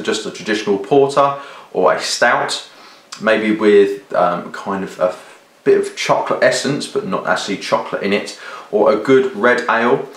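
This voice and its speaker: A man's voice: lowish voice, a bit bright. A British man giving a casual, rambling product review to camera, hesitating and often rephrasing as he goes. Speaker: video reviewer. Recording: roomy, echoey sound.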